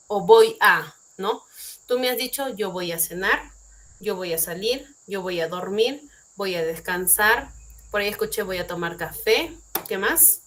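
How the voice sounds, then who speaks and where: A woman's voice: medium pitch, a bit bright. A woman with a Peruvian Spanish accent teaching an online English lesson from home. She explains patiently, asks rhetorical questions and keeps adding short tag questions. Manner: repeats examples, many tag questions.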